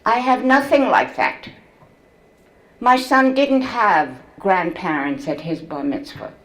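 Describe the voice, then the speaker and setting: A woman in her seventies, a memoir author reading from her book and telling her story to an audience in a slow, measured way. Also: medium pitch, a bit bright, low-quality recording. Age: 70s.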